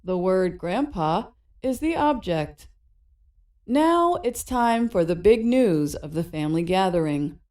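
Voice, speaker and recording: Slow, lively woman narrator. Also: on the low side. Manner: slow, clear teaching delivery. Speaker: English lesson narrator. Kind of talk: scripted educational narration.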